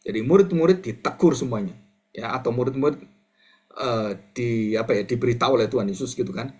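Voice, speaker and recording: Animated preaching pastor, man. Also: a little fast. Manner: animated, acts out quoted voices with big pitch jumps; addresses the congregation as brothers and sisters. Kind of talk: sermon.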